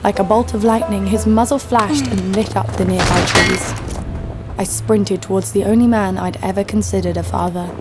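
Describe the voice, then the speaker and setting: An actress voices a tough young woman fighter who tells her own story with dry defiance in an audio drama. She speaks at a moderate pace with a mid-range voice and fairly even intonation, lightly acted, as music plays behind her amid clear background noise and ambience.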